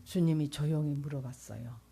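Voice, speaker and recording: An older woman from South Korea giving an earnest church testimony as a pastor's wife, speaking straight to the audience and swinging between loud and soft. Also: deep voice, fairly quick, slightly rough. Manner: earnest, addresses the audience directly.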